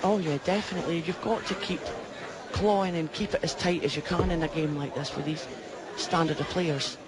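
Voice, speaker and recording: Female sports co-commentator, conversational yet emphatic, speaking over a clearly audible live crowd. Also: lowish voice, fairly even intonation, brisk. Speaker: darts co-commentator. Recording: busy crowd behind commentary. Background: darts crowd.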